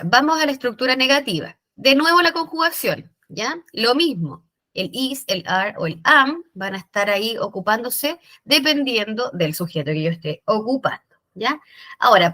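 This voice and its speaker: A woman's voice: on the high side, bright, forceful tone. A woman teaching English grammar in a recorded lesson, explaining step by step with patient checks.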